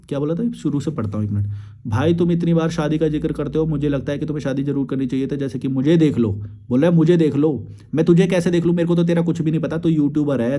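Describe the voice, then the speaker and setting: A man's voice: fairly high pitch, dark tone. A young man, a YouTube creator, replying to viewer comments in a blunt, crude and combative rant with frequent swearing.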